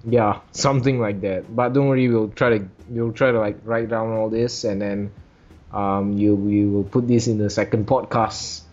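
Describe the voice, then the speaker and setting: A young man hosting a casual podcast, talking in halting bursts and swearing casually. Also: lowish voice, steady tone, a little mellow, lo-fi sound. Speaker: podcast host.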